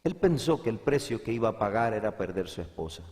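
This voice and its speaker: A man's voice: on the low side, big pitch swings, quick pace. Man preaching in a reverberant hall. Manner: emphatic preaching, swings between loud and hushed; repeats words for emphasis. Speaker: pastor. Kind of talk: sermon.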